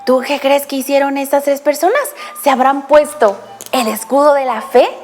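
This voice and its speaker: A woman giving a children's Bible lesson, speaking straight to the child with many questions and lively storytelling. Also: sits high, normal speed, big-room sound, faint music behind. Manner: addresses the child directly with frequent questions; animated storytelling.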